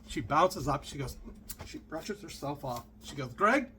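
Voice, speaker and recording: A man's voice: mid-range voice, unhurried, sharp tone, a little hiss or hum. A middle-aged man telling a personal story to the camera in a chatty, rambling way, full of asides and fillers.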